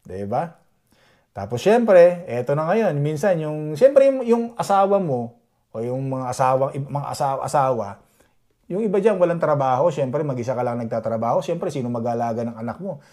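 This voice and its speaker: His voice is on the high side, warm and animated, at a normal speed. He's a Filipino vlogger in Edmonton, Canada, chatting casually with viewers and regularly checking their agreement with "di ba?"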